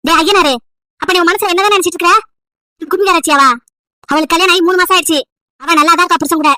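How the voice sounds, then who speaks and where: A woman's voice: very high-pitched, fairly even intonation, very fast, sharp tone, no room sound, studio quality. A woman doing a nagging old grandmother. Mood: pleading. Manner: scolding, pleading, wailing complaints. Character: nagging old village grandmother, emotional, wants great-grandchildren.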